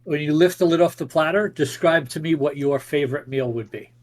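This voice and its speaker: A man hosting as game master, narrating a fantasy tabletop game in descriptive, deliberate storytelling phrases. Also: a little high. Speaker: game master and show host.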